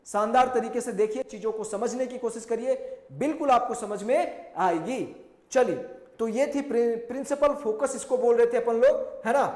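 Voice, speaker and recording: A male physics teacher giving a classroom lecture, asking and answering his own questions and repeating key terms, mixing slowly spoken English technical phrases into his speech and addressing students with affectionate encouragement. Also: very high-pitched, a little mellow. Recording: echoey room.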